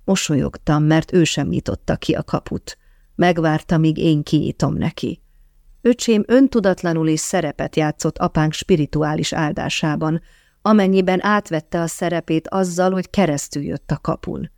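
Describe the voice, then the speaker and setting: A woman narrating a first-person memoir audiobook in a calm, measured, softly reflective way. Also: low-pitched, creaky, dry recording, clean studio sound.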